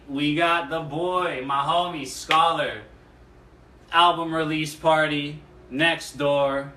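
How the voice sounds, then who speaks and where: A man hosting a relaxed chat show, taking his time with each phrase. His voice has a bright, forceful edge. He's picked up from a distance in a roomy space with a faint hiss behind. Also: medium pitch. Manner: laid-back slang, slow delivery, laughs often. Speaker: show host. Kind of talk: casual hip-hop chat. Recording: roomy far-off mic with faint noise.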